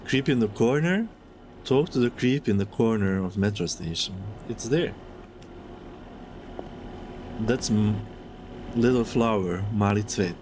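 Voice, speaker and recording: Chatty low-voiced male streamer. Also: lively intonation, a little slow, long pauses, noisy background. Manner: chatty, amused, thinking aloud. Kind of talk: casual live-stream gaming chat.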